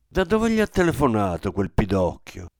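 Man voicing an aging grocer, bitter, grumbling, irritable, lively pitch, dry sound. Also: normal speed, no room sound. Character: grumbling aging male shopkeeper, bitter, gloomy. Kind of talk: dramatic radio reading.

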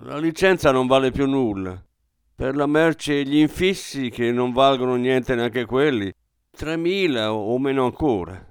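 A man voicing a sharp-tongued, practical middle-aged wife in a dramatic radio reading. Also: medium pitch, measured pace, clean tone, no room sound, studio quality, close to an everyday voice. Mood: sharp nagging. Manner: curt and irritated.

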